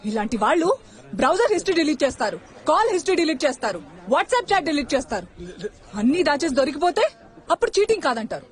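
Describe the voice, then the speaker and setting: A woman's voice: high voice, very animated, quick pace. A woman in a film scene, lecturing insistently about honesty and cheating, mixing English into her Telugu. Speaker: teacher lecturing two young men on honesty. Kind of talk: film dialogue.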